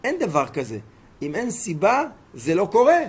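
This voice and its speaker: A man's voice: sits high, huge pitch swings, breathy edge. A man teaching a Torah lesson as a rabbi, telling stories emphatically and throwing rhetorical questions at his listeners.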